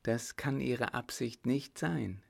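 A frightened young noblewoman, pleading and defiant by turns, her voice trembling, as a male reader puts her on. She speaks higher than an ordinary man, with a gravelly edge under it. This is a storybook reading. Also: slow, full character voice. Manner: trembling, imploring.

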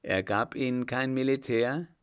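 A man's voice: mid-range voice, a little slow, clear, resonant tone, pitched above the performer's own voice, natural voice. A man voicing a stern, imperious emperor in an audiobook, snapping out short, clipped questions. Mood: contemptuous, confident. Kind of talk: audiobook character voice.

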